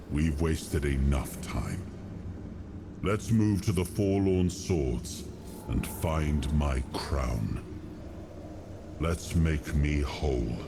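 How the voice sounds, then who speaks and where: An actor playing a weary, proud king of legend who speaks in a grave, regal, deliberate manner in a game cutscene. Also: rumbling low, noisy background, full character voice. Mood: grim resolve. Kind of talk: dramatic game cutscene monologue.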